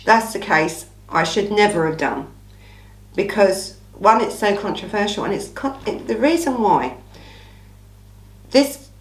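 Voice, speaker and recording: An English woman hosts a casual true crime Q&A monologue for her channel, her fairly low voice croaky from a cold. She's chatty, blunt and opinionated, often saying "listen," and the rough recording is reverberant and captured from a distance.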